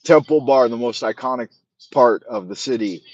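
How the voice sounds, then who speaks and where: A middle-aged livestream host with a slightly mellow, mid-range voice talks at normal speed on a casual stream, rambling, restarting often, repeating words, and swearing freely in a blunt way. The audio is dull but has no echo.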